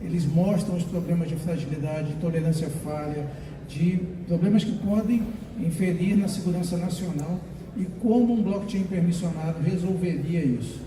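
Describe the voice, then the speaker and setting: Man panelist, hesitant speaker; higher voice, distant mic in an echoey hall. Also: moderate pace. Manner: hesitant, many fillers. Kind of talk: panel talk. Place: conference hall. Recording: echoey room, far from mic, noisy.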